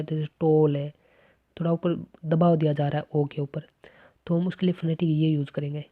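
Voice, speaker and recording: Lesson teacher, methodical explainer, flat delivery, thin phone-quality sound. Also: mid-range voice, no echo. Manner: explains step by step with repeated "है ना" checks. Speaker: English teacher. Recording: dry, tinny phone-like recording.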